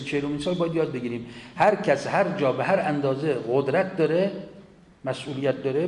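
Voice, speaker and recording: A man delivering a sermon, forceful and full of rhetorical questions. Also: fairly high pitch. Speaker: cleric. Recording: echoey hall with faint ambience.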